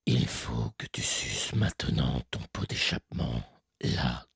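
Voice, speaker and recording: A man's voice: very deep voice, sing-song, slow pace, creaky, a bit bright, husky, no room sound, clean studio sound, voice pushed down, exaggerated voice. A man voicing a creepy, menacing slasher serial killer as a comic demonstration on a talk show.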